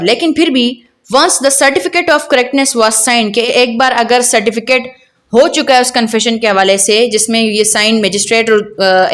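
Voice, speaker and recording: A woman with a Pakistani accent gives an explanatory law lecture, reading out and paraphrasing material in a didactic way. Her voice is a little high with a fairly bright tone, and she often checks understanding with questions.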